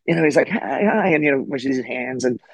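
A middle-aged Australian man, a guest historian and author, telling a casual story with lively acted-out quotes. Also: mid-range voice, quick pace, creaky, no room sound. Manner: animated, acts out quoted voices.

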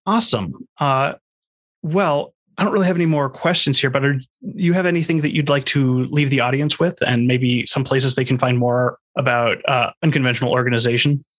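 Brief: male podcast host, easygoing, conversational, mid-pitched. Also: a little fast. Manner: relaxed, conversational, shares personal anecdotes. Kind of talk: casual interview chat and podcast outro.

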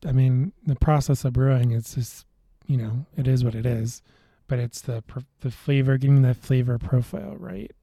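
Man, podcast co-host, casual beer-tasting chat, hesitant, husky tone, dry close sound. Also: medium pitch, normal speed, hardly any pauses, dry recording. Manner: relaxed, hesitant, with many fillers and restarts.

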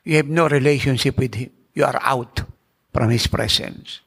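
A man's voice: mid-range voice, a little slow, creaky, fairly bright tone, breathy edge. A male pastor preaching a sermon emphatically, asking the congregation rhetorical questions and mixing in English phrases.

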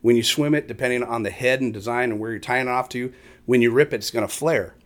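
Middle-aged guy, animated, breaks into goofy voices for other fishermen. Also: medium pitch, fast talker. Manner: animated storyteller, acts out other anglers in voices. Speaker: fishing guest expert. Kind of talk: casual chat.

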